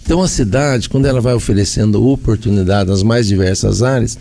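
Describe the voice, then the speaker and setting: Brazilian male mayor, dark gravelly low voice, methodical explainer who lists things. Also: fairly quick. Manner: explanatory, lists points with repeated phrases. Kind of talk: radio interview answers.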